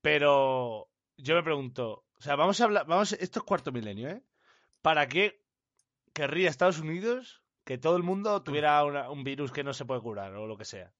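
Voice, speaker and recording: A man's voice: a little high, expressive, brisk, fairly bright tone, dry recording. A man with a Castilian Spanish accent chatting casually as a streamer. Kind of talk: casual chat. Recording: slightly dull, close dry microphone.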